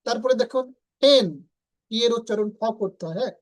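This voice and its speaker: A woman's voice: a little high, fast, darkish tone, rough recording. A woman teaching English pronunciation in an online lesson, explaining step by step and repeating letter sounds for drill.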